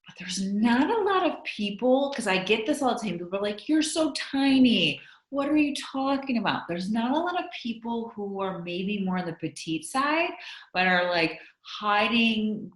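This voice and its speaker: A woman appears as a guest on a podcast interview, a content creator talking candidly and chattily and saying "like" a lot. Her medium-pitched, fairly bright voice swings widely in pitch at a normal speed, and the recording has a roomy echo.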